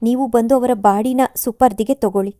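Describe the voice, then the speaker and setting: A woman voicing a calm, formal male doctor in a storybook reading. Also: a little high, moderate pace, no echo, clean studio sound, natural voice. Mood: sombre.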